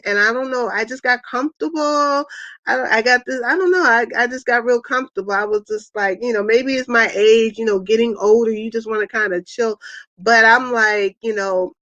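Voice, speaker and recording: A middle-aged woman hosts a casual online wellness chat, wandering through her thoughts with plenty of ums and restarts. Her voice sits a little high. The recording is dry and close, with a dull, lo-fi tone. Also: fairly bright tone, no echo. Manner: rambling, many fillers and restarts. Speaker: host of an online wellness party. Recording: dull, lo-fi sound.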